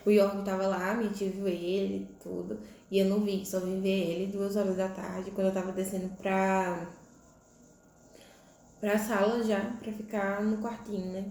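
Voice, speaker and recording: A woman's voice: medium pitch, level tone, moderate pace, darkish tone. Young woman telling her birth story. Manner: conversational, frequent "né?" tag questions. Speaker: vlogger. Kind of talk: personal storytelling. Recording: echoey room.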